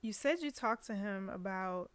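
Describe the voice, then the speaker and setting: A woman hosting an interview, listening closely and asking slow, thoughtful questions. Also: mid-range voice, clear, resonant tone, no room sound. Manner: soft, steady back-channel listener, asks slow thoughtful questions. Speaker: podcast host.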